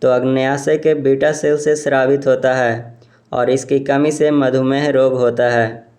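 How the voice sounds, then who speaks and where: A man reading exam questions aloud and explaining each answer in a steady, repetitive way. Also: mid-range voice, unhurried. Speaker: exam quiz presenter.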